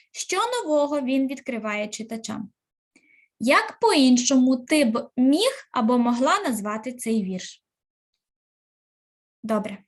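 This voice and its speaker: A woman teacher, giving a recorded literature lesson with slow, clear instructions and pauses. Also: sits high.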